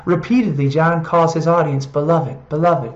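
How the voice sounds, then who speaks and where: Heartfelt preacher doing a scripture reflection, mid pitch, roomy echo, kinda muffled lo-fi audio. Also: fairly even intonation, moderate pace. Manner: earnest, heartfelt, reads scripture aloud with quiet emphasis. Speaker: preacher in an online video series.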